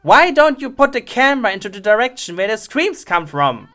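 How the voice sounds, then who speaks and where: A woman's voice: fairly high pitch, very animated, a little fast, fairly bright tone. A woman delivering scripted comedic film review commentary in a sarcastic, mocking, sweary way.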